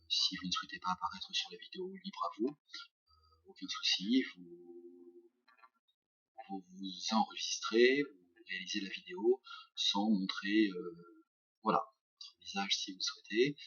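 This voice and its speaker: A man's voice: sits low, fairly bright tone, slightly rough. Hesitant French-accented male teacher, muffled. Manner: hesitant, many fillers and restarts. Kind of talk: recorded classroom instructions. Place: home, during lockdown. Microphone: webcam or laptop mic. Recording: muffled lo-fi webcam audio.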